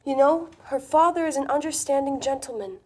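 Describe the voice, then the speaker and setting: A woman playing a gallant, sensible young gentleman in love, in mannered Restoration-comedy style. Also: sits high, brisk, close to an everyday voice. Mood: earnest, gallant. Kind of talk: Restoration-comedy stage acting, mannered period dialogue.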